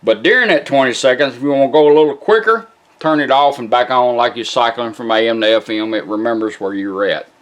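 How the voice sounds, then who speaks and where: A plainspoken, folksy man gives a casual, hands-on walkthrough of restored vintage car radios. His medium-pitched voice is expressive and fairly quick, with music from the radio he's demonstrating playing behind him.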